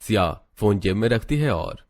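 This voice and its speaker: A man narrating a cartoon story in a steady, plain storytelling manner. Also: on the low side, normal speed.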